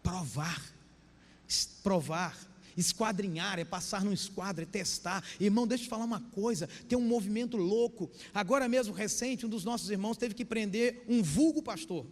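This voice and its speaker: A man preaching a sermon with a high-pitched voice that carries a long church reverb. He tells Bible stories and slips into other voices for the dialogue. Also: normal speed. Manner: acts out biblical dialogue in changing voices. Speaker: pastor.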